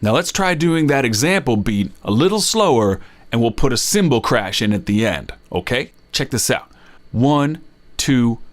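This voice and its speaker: Lively man teaching beatboxing. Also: medium pitch, normal speed, few pauses. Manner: upbeat, jokey teaching voice mixing in vocal drum sounds. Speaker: beatbox instructor. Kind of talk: playful instructional video.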